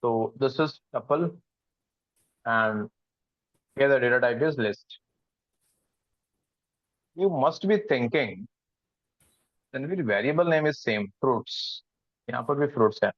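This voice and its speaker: A man's voice: mid-range voice, animated, measured pace, long pauses, no room sound, highs cut off. Man teaching a coding class. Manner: mixes English and Hindi, asks the class questions. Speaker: programming instructor. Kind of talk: live online class teaching.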